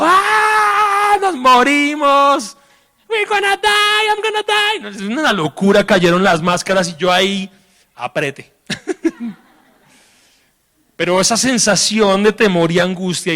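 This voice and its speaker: A man preaching a sermon in a church, talking in a colloquial way and acting out the stories he tells. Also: sits high. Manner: colloquial, animated storytelling with acted quotes.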